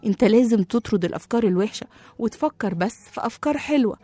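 A woman with an Egyptian accent voicing a caring mother in a children's story, soothing and gently scolding. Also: fairly high pitch, animated, rapid-fire, dry recording. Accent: Egyptian Arabic.

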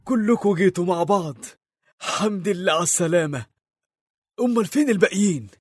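A man's voice: high-pitched, expressive, a little fast, slightly rough, no echo, studio quality. A man playing a cheerful elderly grandfather who welcomes his family in an Egyptian accent. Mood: welcoming. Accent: Egyptian Arabic.

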